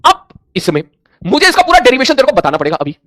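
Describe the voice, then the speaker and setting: A man's voice: very high voice, wildly swooping pitch, fast, a bit bright, dry recording, clean studio sound. A man teaching a physics lecture, mixing in English terms and acting out his students' questions in dialogue. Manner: mixes Hindi with English terms. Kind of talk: classroom lecture.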